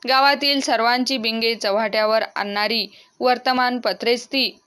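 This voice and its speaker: A woman reading a classic novel aloud as audiobook narration, steady and expressive. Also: a little high, normal speed, clear, resonant tone.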